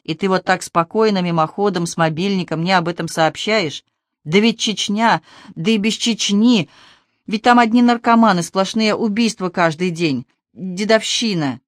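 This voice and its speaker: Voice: mid-range voice, moderate pace, no room sound, clean studio sound, close to an everyday voice. A reader voicing an anxious mother who pleads with her son in alarm.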